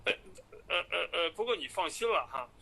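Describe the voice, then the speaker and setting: A man working as an immigration agent, heard through a recorded phone call, pitching his services. He fills his talk with hesitant filler sounds while he reassures the listener. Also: big pitch swings, moderate pace, creaky, a crowd in the background.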